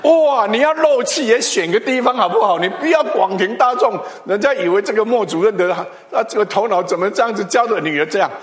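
A middle-aged man, preaching a chatty, animated storytelling sermon. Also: sits high, brisk, hardly any pauses. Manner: animated, chatty, with tag particles and restarts. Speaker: pastor. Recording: long hall reverb.

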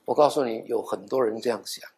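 A middle-aged man, a pastor, preaching a sermon in an animated storytelling way, acting out dialogue with half-joking asides and dropping in the odd English word. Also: medium pitch, fast. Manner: mixes in English words.

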